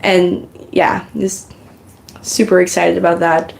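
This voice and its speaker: A fairly low, slow voice with vocal fry and little pitch movement belongs to a Dutch-native woman rambling on her knitting live stream and thanking chat viewers. Though she uses a good podcasting mic, the recording is low quality with slight background noise.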